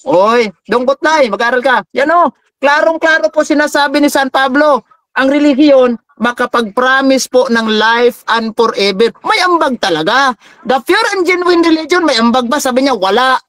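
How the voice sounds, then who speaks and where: A high-voiced man delivers a combative debate rebuttal. He taunts and mocks his opponent and stops to read Bible verses aloud. The sound is dry and close, with no room echo. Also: normal speed, a bit bright.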